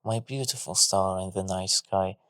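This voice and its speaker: A man's voice: sits low, fairly even intonation, normal speed, a bit bright, no room sound. A man voicing a grieving father whose voice cracks with emotion, speaking tenderly. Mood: heartbroken. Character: grieving, loving father on the run.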